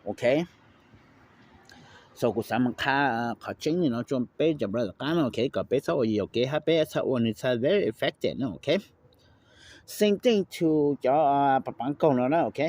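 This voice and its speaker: A man hosting a casual talk to viewers, rambling quickly and checking in with "okay?", with English phrases slipped in. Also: fairly high pitch. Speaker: host.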